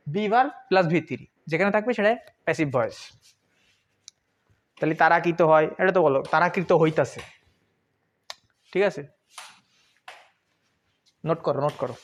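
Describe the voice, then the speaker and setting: Young male tutor, slightly high voice, casual, answers his own questions. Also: lively intonation, normal speed, long pauses. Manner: chatty and informal, asks questions and answers them himself. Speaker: English grammar teacher. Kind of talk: online grammar lesson.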